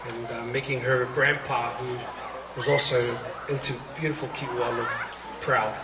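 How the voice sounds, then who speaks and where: A man's voice: medium pitch, little pitch movement, moderate pace, over loud music. A middle-aged man chatting from a concert stage between songs, rambling and heartfelt and often laughing. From New Zealand. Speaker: slack key guitarist performing at a festival. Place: concert stage at an arts center. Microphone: stage microphone. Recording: roomy live concert recording from a distance. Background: loud crowd and hall noise.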